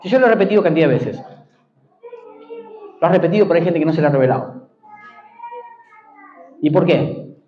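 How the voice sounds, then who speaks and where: A man's voice: on the high side, lively intonation, brisk, pauses often, muffled recording. A man with an Argentine accent preaching a sermon as pastor, emphatic, repeating key phrases and calling for amens. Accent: Argentine Spanish.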